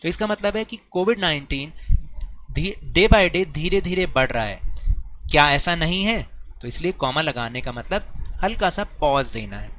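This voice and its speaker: A man teaching an English grammar worksheet, speaking English with an Indian accent and switching into Hindi to explain, slow and deliberate. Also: a little high, lively intonation, fairly bright tone, slight background noise, low-quality recording.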